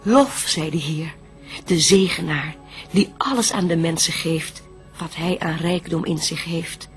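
An actress playing Eve, a devout and gentle bride, reciting solemn verse with measured reverence in a radio play. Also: female voice, lowish voice, faint music behind, close to an everyday voice. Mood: reverent.

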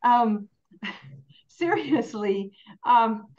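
A woman's voice: on the high side, lively intonation, very slow, a little mellow. A woman leading a team meeting in a chatty, candid way, acting out the doubts people tell themselves. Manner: chatty and candid, acts out inner self-talk. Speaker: sales team leader. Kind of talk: motivational team meeting talk. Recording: dull lo-fi sound.

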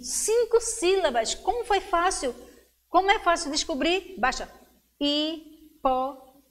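Slow high-voiced woman teacher. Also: a bit bright. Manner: slow and encouraging, stretches words out syllable by syllable. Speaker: schoolteacher. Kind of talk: classroom lesson for children.

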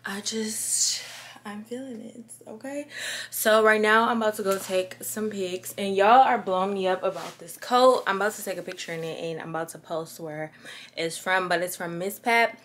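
A woman's voice: mid-range voice, normal speed, a bit bright, slight background noise. Young chicago woman talking to her vlog camera, chatty and upbeat, lots of like and y'all. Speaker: vlogger. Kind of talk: casual vlog talk to camera.

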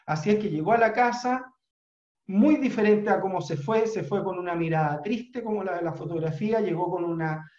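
A middle-aged man with a Chilean accent, a business trainer telling a motivational story in an earnest, unhurried way with frequent fillers, on a video call from a room at home. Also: high voice, a little mellow. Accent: Chilean Spanish. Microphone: webcam on video call. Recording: roomy, dull webcam audio.

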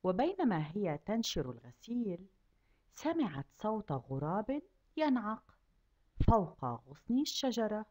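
A woman teaching a kindergarten class, asking the children questions and drawing out each word slowly so they can repeat it. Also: medium pitch, sing-song, mellow, dull audio. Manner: asks children questions and stretches out words slowly to model them. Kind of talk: lesson for young children.

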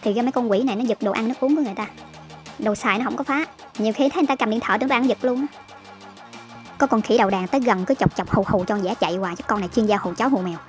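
Woman, vlog voice-over, very fast, teasing, slightly high, music underneath. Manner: chatty, teasing, rapid storytelling. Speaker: vlog narrator. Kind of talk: voice-over narration. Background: background music.

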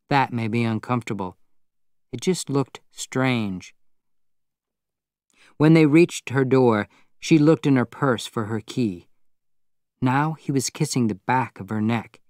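A man narrates a story in a measured, unhurried way, each sentence given room. His voice sits in an ordinary middle pitch. The sound is dry, with no room around it. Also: a little mellow, no echo. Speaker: audiobook narrator. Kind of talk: scripted narration.

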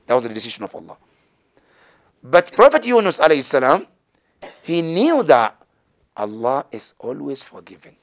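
In a mid-range, sing-song voice, a middle-aged man tells a religious story at a moderate pace, leaving long pauses. He teaches as he goes, gesturing and acting out the characters' voices, on a lapel mic in a small banner-lined indoor studio.

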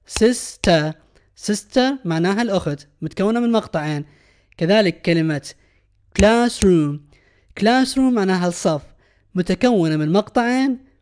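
A man's voice: high-pitched, a little mellow, clean tone. A man with an Iraqi Arabic accent gives a recorded English lesson. He speaks patiently, says each word again and again, and translates it as he goes. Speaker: English teacher. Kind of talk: recorded classroom lesson explanation.

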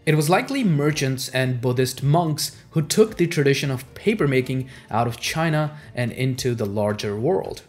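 A young Urdu-speaking history channel host explains history in scripted educational narration, speaking animatedly at normal speed with hardly any pauses. His medium-pitched voice is recorded indoors in a small home office with music playing behind.

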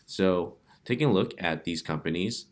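A man presenting a data analytics dashboard demo in a relaxed way, with frequent fillers. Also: deep voice, moderate pace. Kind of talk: casual software demo walkthrough.

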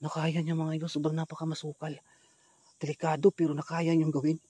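A man vlogging a ghost hunt alone in rural undergrowth, talking straight to his viewers and often shouting in alarm or chanting prayers. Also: on the high side, completely flat delivery, a little fast, breathy edge, no room sound. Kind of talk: live outdoor ghost-hunt vlog. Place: rural undergrowth outdoors, insects heard.

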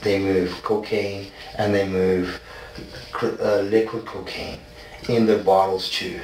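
Slow and flat, this deep, darkish male voice belongs to a suspect in his forties from South Africa and Argentina. He responds insistently to police questioning, repeatedly tagging on "okay?". A distant fixed room-camera mic captures him in a small bare interview room, giving a roomy, noisy surveillance sound.

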